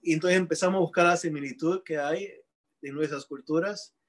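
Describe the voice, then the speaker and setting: Thoughtful halting man, fairly high voice. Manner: thoughtful, halting, restarts phrases. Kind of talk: reflective casual talk.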